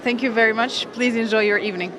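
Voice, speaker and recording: A woman's voice: fairly high pitch, fairly even intonation, fast. A woman interviewing guests politely on the spot at an event. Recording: music and loud crowd behind.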